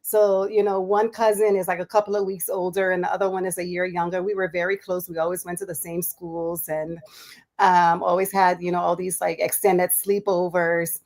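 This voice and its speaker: Chatty woman from Liberia, lowish voice. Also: little pitch movement, normal speed, darkish tone. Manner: chatty, laughs often, many fillers. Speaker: guest, physician. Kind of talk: casual interview storytelling.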